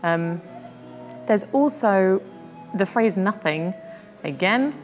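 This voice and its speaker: A woman's voice: mid-range voice, lively intonation, slow, big-room sound, soft background music. A woman hosting a podcast, chatting casually about poetry and thinking aloud with fillers. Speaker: podcast host.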